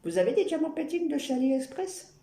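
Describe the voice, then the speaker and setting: High-pitched and very animated, this craft vlogger's dark-toned voice runs fairly quick as she rambles casually to viewers while making things. Playful asides pop up throughout, and the recording is roomy and echoey with clicks in a noisy background.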